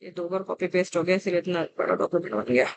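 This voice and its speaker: A woman teaching an exam-prep vocabulary lesson, reading word lists slowly with coaxing asides to students. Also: lowish voice, a little mellow.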